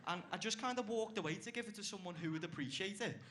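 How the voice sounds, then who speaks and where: A man's voice: sits high, fast talker, bright, forceful tone. A young man doing a stand-up routine on a club stage, brash and swearing, chuckling at his own lines. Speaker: stand-up comedian.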